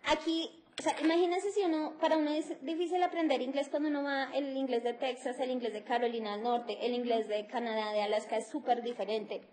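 A woman's voice: high-pitched, fairly even intonation, a little fast, few pauses, darkish tone. A middle-aged woman, teaching an English phonetics class on TV and explaining sounds step by step, mixing in English. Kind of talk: televised class lecture.

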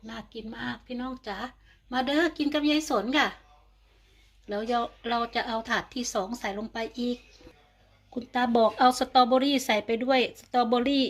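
A woman's voice: fairly high pitch, moderate pace. An older woman, narrating a home cooking vlog and chatting to viewers like friends. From Thailand. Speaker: vlogger. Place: home kitchen.

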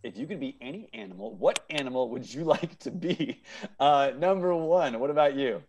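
Slight background noise sits under this man's darkish, higher-leaning voice as he talks at normal speed. An improv teacher in his thirties, he hosts a fun game show on a video call from indoors at home, staying upbeat and repeating answers often.

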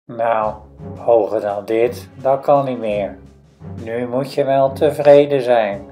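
Timid storybook fisherman, slow and pleading, voiced by a woman narrator. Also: extremely low pitch, dark tone, soft background music. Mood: anxious. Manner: hesitant, pleading. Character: timid, anxious humble old fisherman.

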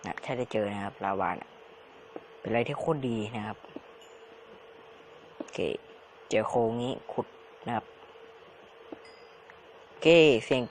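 A man's voice: on the low side, a little slow, pauses often, a little mellow, slight background noise. A man giving casual commentary while playing a game, polite and chatty, making digging sounds with his mouth. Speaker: Let's Play gamer.

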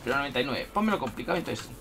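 Excitable gamer man, lively pitch. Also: very fast, soft background music. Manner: excitable, talks to himself, frequent exclamations. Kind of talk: live gameplay commentary.

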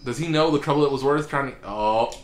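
A young man hosting a let's play, commenting excitedly, swearing and laughing at the game. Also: medium pitch, fast talker. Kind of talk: casual gameplay commentary. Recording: echoey room with faint game music. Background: faint game music.

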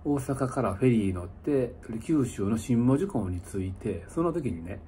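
A man's voice: mid-range voice, expressive, normal speed, dark tone. A middle-aged man with a Kansai accent, slightly tipsy, chatting in a rambling, casual way to viewers like a livestreamer. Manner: rambling, chuckling, conversational asides. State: slightly tipsy after an hour of drinking. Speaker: motorcycle touring vlogger. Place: small indoor lodging room. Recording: noticeable background room noise.

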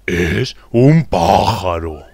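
A man with a deep voice playing a character in a children's music lesson, speaking slowly and expressively to young viewers. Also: expressive, a little mellow, slight background noise, heavily acted. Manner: slow, exaggerated teacher-like speech to children. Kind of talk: children's educational acting.

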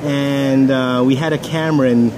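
A man's voice: medium pitch, fairly even intonation, moderate pace. A man co-hosting a casual show at an outdoor racetrack terrace, bantering loosely and swearing. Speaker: podcast co-host. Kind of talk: casual chat. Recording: outdoor noise in background.

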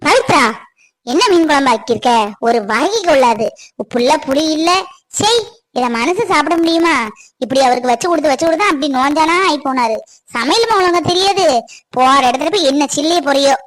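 A sharp, fault-finding cartoon stepmother, as a woman voices her, middle-aged and strict. She scolds in a lower, firm voice than the performer's own, with a slow, heavy pace. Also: animated, low-quality recording. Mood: scolding. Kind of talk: cartoon voice acting.

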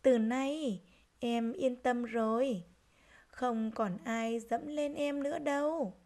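A woman's voice: high-pitched, drawn-out words. A woman doing a caring big-sister swallow. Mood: comforting. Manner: warm, comforting.

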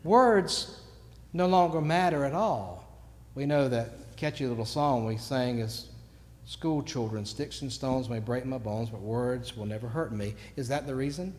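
A man preaching a sermon, telling stories and moving between quiet asides and sudden loud bursts. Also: mid-range voice, a little slow, slight background noise. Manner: storytelling, swings from quiet to shouting. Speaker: pastor. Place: church sanctuary. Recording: long church reverb.

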